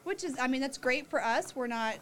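A woman's voice: sits high, lively intonation, fairly quick, fairly bright tone, a little hiss or hum. A woman chatting casually with a friend in a chatty, giggly way. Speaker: co-host of a chat.

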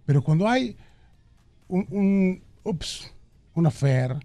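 Man, guest actor, playful studio chat, fairly high, dry studio mic. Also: expressive, slow pace, mellow, no echo, soft background music. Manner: joking, playacts a reporter voice, then earnest.

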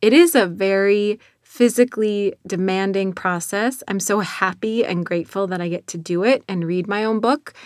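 A woman's voice: mid-range voice, no echo, clean studio sound. A middle-aged woman with a North Dakota accent, speaking sincerely and reflectively in an interview about her own work as an author. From North Dakota, United States. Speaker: author and narrator of own audiobook.

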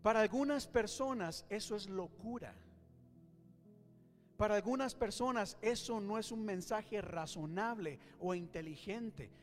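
A male pastor preaching a sermon in a church, swinging between loud and hushed. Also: high voice, unhurried, long reverb tail, faint music behind.

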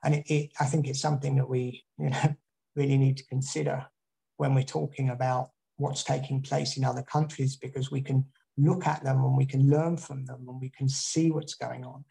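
Delivering an online talk and Q&A, a guest speaker from the UK rambles along with many restarts and fillers. The man's voice is medium-pitched, gravelly, and mellow, and the recording is rough.

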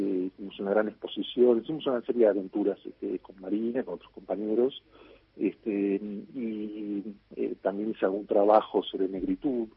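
A man with an Argentine Spanish accent, a guest writer answering radio questions, rambles with lots of fillers and restarts. His voice sits on the low side and sounds creaky and husky. There's no room sound, and the line is tinny, like a phone.

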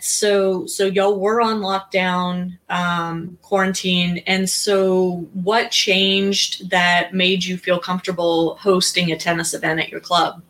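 A woman hosting a casual interview, chatting with many pauses as she asks about the guest's event. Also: fairly low pitch, a bit bright. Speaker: interview host.

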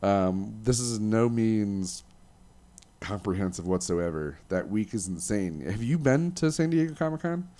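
A man's voice: lowish voice, animated, unhurried, warm tone. A man in his late twenties hosting a casual podcast, bantering and joking with a co-host. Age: 20s. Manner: joking, laid-back banter.

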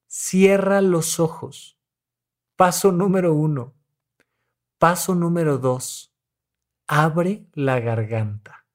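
A man with a Mexican accent, a therapist on a podcast about emotions, talking in a demonstrative, coaching way and acting out breaths and sighs. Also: fairly high pitch. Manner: demonstrative, coaching, acts out breathing and crying sounds.

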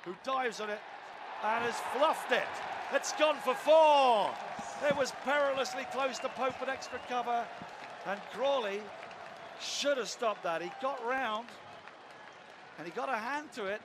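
A man giving live radio cricket commentary in vivid, clipped phrases, with an excitable manner. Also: very high voice, normal speed. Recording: loud crowd noise at outdoor ground. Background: loud cricket crowd, outdoor ambience.

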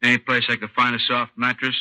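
An actor playing a cocky, evasive small-time American criminal, sarcastic and curt, in 1950s radio drama style. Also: male voice, mid-range voice, completely flat delivery, quick pace, pushed and bright, poor audio. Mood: sullen sarcasm.

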